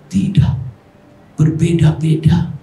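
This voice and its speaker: A man's voice: fairly high pitch, level tone, slow pace, creaky, dark tone, reverberant. A man preaching a sermon as pastor, addressing his congregation directly and acting out the speech he quotes.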